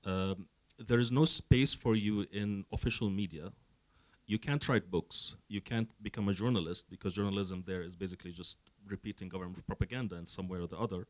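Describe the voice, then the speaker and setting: Deep, earnest man from the Emirates. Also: steady tone, fairly quick, dry recording. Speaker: panel guest, activist. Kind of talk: panel discussion answer.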